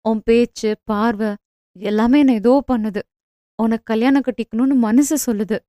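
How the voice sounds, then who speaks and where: A woman's voice: on the high side, fairly even intonation, normal speed, dry recording, studio quality, lightly acted. Woman voicing a shy lovestruck village girl. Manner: soft, shy, whining sweetly.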